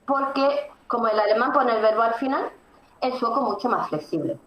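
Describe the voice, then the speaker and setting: A fairly high-pitched woman talks through her points with emphasis and keeps pausing on fillers. She sounds like she is in an echoey room with a faint hiss underneath. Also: expressive, fairly bright tone. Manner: explanatory, emphatic, with frequent fillers. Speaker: interview guest, Swedish teacher. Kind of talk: conversational explanation.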